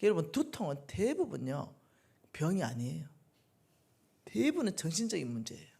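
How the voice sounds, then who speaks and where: A middle-aged woman delivers a sermon in a church with a low, husky, gravelly voice. Her pitch moves widely as she preaches, and she swings between hushed asides and loud, emphatic bursts. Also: wildly swooping pitch, moderate pace. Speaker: lay minister preaching at a church revival meeting.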